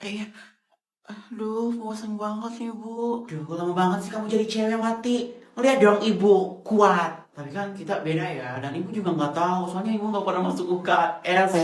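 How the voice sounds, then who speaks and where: A woman's voice: medium pitch, moderate pace. A woman performing a one-person comedy skit, switching between many bickering characters.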